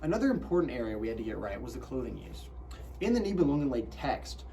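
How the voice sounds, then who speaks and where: A man's voice: mid-range voice, sing-song, brisk, gravelly, a crowd in the background. A man presenting a film adaptation in an informal, conversational explanatory commentary, often checking for agreement. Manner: conversational, seeks agreement with tag questions. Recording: distant mic, faint background noise.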